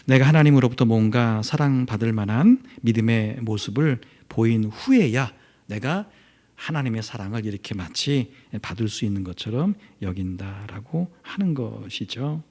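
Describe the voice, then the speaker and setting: Animated male pastor preaching a sermon. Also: mid-range voice. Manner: animated preaching, swings between loud emphasis and near-whispers; conversational, addresses congregation directly.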